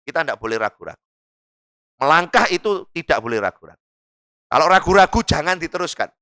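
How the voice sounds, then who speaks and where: A man with an East Javanese accent teaching a religious lesson in a mosque, his voice bright and clear with a pitch that swings up and down. He talks in a lively, joking way and slips into local dialect. The sound is dry and close. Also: brisk, no echo. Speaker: Islamic teacher. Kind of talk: religious study lecture.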